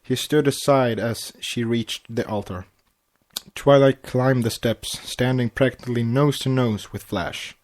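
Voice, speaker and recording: In a steady, darkish mid-range voice, a little slow, a man reads a story aloud as a podcast host. The piece is fan fiction, delivered as storybook narration with acted dialogue.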